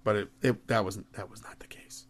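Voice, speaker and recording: A man's voice: on the low side, a little fast, background noise. A man co-hosting a podcast in casual chat, telling stories with lots of laughter. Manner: laughing storyteller, animated. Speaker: podcast co-host.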